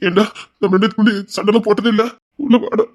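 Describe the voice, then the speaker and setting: An anguished man with a Tirunelveli Tamil accent, begging and calling out again and again, as an actor plays him. His voice sits fairly high for a man and keeps pleading. The delivery is melodramatic. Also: flat delivery, rapid-fire, close to an everyday voice. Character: anguished man begging a brother to come back. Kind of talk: melodramatic web-series acting.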